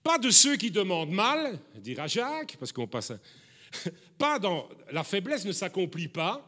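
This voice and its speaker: Animated French-speaking male preacher. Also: high voice, a little slow. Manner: animated, repeats words, asks the congregation questions. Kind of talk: lively sermon.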